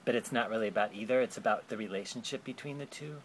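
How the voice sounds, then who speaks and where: Interviewer, male, deeper voice, thoughtful and meandering, slight noise behind. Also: fast. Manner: thoughtful, rambling explanations with fillers. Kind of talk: explaining a book project in an interview.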